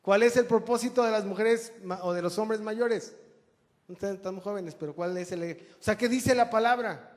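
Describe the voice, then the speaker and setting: A man's voice: sits high, moderate pace. A man preaching a conversational sermon, joking with the congregation. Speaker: pastor. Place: church hall. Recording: long church reverb.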